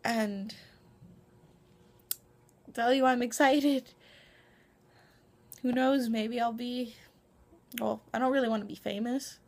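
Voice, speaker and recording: Gravelly young woman rambling to camera. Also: fairly high pitch, steady tone, takes it slowly, long pauses, darkish tone. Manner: rambling, lots of ums and restarts, self-conscious. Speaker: vlogger. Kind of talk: casual vlog monologue. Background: dog barking.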